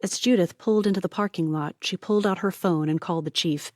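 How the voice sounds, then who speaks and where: A woman's voice: fairly low pitch, quick pace, a little mellow, no echo, studio quality. A woman narrating an audiobook, voicing each character and dropping to a whisper for tense lines.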